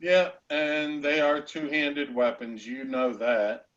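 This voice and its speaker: A man acting as game master, narrating and explaining a tabletop game haltingly, pausing mid-sentence. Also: fairly high pitch, flat delivery, a bit bright, dull audio.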